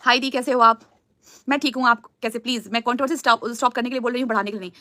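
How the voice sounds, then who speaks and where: A woman's voice: a little high, fairly even intonation, rapid-fire, pushed and bright, dry recording. A woman hosting a casual live stream, answering viewer comments in an earnest, pleading way. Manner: earnest, pleading, repeats "please" often.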